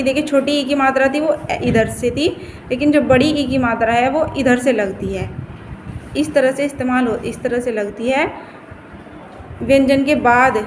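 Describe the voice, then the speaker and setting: A woman teacher patiently explaining Hindi vowel signs, repeating and stretching each word. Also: high-pitched. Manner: patient, repeats and stretches words, points at the board. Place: classroom. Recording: echoey room with faint noise.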